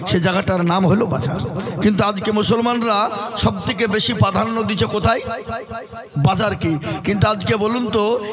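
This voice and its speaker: A man preaching a sermon to a gathering, asking the crowd rhetorical questions and chanting lists in rising calls. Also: sits high. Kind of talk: Islamic sermon. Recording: crowd noise audible. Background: crowd of listeners.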